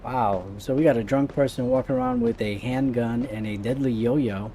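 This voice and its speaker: Casting: male gaming host, casual play-by-play, soft dark tone, light vehicle ambience underneath. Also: mid-range voice, steady tone, normal speed, slight background noise. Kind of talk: casual let's-play commentary.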